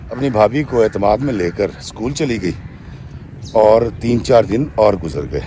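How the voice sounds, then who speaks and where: A man's voice: mid-range voice, mellow, a little hiss or hum. A man narrating a true story to his viewers, retelling a woman's account in her own words and often adding "she says", and sometimes calling his listeners friends. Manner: addresses listeners directly as friends.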